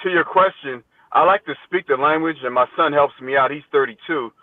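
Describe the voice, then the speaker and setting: Guesting on a podcast, this good-humored man in his fifties works as a teacher and talks a bit high and fairly quick. The recording is dry and thin, like a phone line, and he chats casually in interview style, frequently repeating himself.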